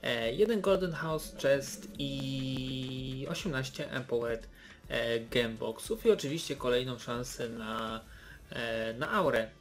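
A young man talks slowly over his game while opening loot boxes, with a gravelly edge to his voice. He hesitates, restarts and fills gaps with drawn-out ums, sounding mildly let down. Faint music plays behind him. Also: mid-range voice. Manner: hesitant, many fillers and restarts, mildly disappointed. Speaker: gaming YouTuber.

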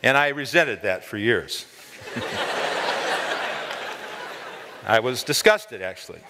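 A man in his sixties telling a story in an animated chapel sermon, gesturing as he speaks on a large dark stage, with many stammered repeats when excited. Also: mid-range voice, takes it slowly, noisy background. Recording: long hall reverb.

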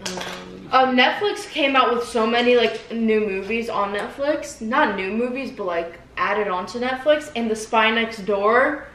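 A woman's voice: fairly high pitch, a little slow, few pauses, a bit bright, recorded from a distance. A teenage girl chatting casually with her family, laughing often and teasing her brother. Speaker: daughter answering questions. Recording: echoey room, voice a bit off-mic.

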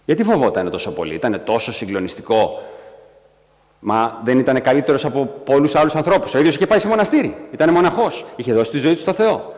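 Animated preacher man, ringing hall. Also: medium pitch. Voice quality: animated, acts out quotes in a raised voice. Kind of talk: sermon. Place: church hall.

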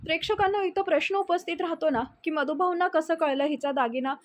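A woman retells a TV serial casually, talking directly to her viewers and adding her own opinions. Her voice sits high and the tone stays conversational. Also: a little fast. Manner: chatty, opinionated. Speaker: TV serial recap narrator. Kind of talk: casual storytelling recap addressing viewers.

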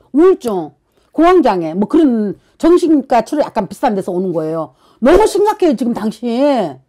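A woman fortune teller giving blunt counsel, scolding and prodding her client with constant questions. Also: a little high. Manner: forceful, scolding, keeps prodding with "어?".

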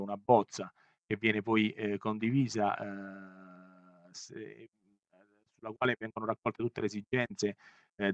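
A man giving a webinar presentation over a video call, talking haltingly with many fillers and restarts. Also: a little mellow, dry recording. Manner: hesitant, full of fillers and restarts. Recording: muffled low-fidelity web call audio.

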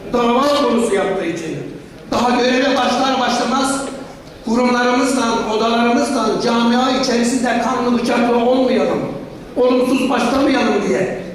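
A woman delivering an impassioned, combative convention speech as an association leader, full of rhetorical questions and emphatic repetition. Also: fairly high pitch. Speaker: professional association leader addressing an assembly. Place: large assembly hall, speaking from a podium. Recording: echoey hall, distant mic, noisy.

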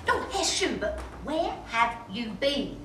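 A woman's voice: high voice, big pitch swings, slow, heavily acted. A woman playing a chatty old medium. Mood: gossipy. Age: older. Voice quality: fussy, gossipy and self-amused. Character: chatty, genteel older female medium. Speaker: spirit medium. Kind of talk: stage monologue. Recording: roomy, distant and noisy.

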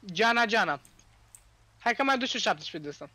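A man with a notably high voice barks orders and teases while gaming. The sound is dry and close, with no room echo. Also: expressive. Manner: bossy, teasing, shouts instructions. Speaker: co-player. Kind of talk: casual live gameplay chat.

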